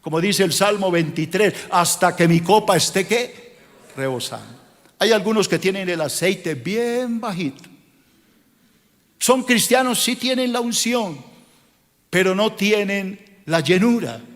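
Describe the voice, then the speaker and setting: A male pastor delivers a sermon in a high voice. He scolds his listeners and presses them with rhetorical questions. The sound carries a long reverb, as if in a large church hall. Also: measured pace.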